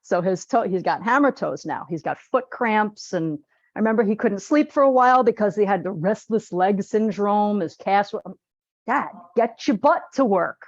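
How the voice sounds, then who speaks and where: A woman teaching a live group exercise class in a lively, chatty, joking and direct way. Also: medium pitch, normal speed, no room sound, muffled recording. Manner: direct, plain-spoken coaching. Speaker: posture exercise instructor.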